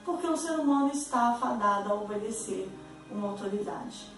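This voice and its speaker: A woman's voice: medium pitch, expressive, a little fast. A woman casually retelling a story as host, chatty and full of fillers, acting out the people she quotes. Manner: chatty, repetitive fillers, acts out quoted voices. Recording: echoey room, far from the mic, faint music.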